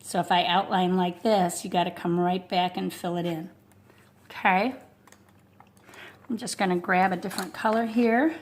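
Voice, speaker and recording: Close to the mic in a home studio with a wood stove, a woman teaching watercolor talks casually, thinking out loud and using lots of fillers. Her lowish voice moves at a normal pace with fairly even intonation and long pauses, over a faint blower hum.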